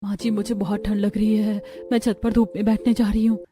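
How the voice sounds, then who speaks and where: A woman voicing a modest young village bride in a narrated family story, speaking gently and politely. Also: medium pitch, level tone, brisk, lightly acted. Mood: meek.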